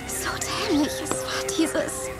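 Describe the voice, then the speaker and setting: An actress playing an injured, shaken wife, tender and guilt-ridden, in a dramatic video game. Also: female voice, takes it slowly, loud music behind the voice, lightly acted. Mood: pained, weak.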